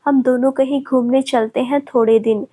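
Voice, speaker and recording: A woman's voice: sits high, fairly even intonation, normal speed, mellow, breathy edge. A woman narrator voicing a young female friend who scolds and coaxes with care. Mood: caring. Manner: scolding but caring.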